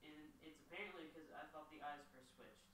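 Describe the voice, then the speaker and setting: A man's voice: on the high side, a little fast, sharp tone. A man in the room chatting casually with a streamer, complaining about his own game, heard from far off with room echo and a faint hum. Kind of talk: casual chat. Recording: roomy, distant, faint background hum.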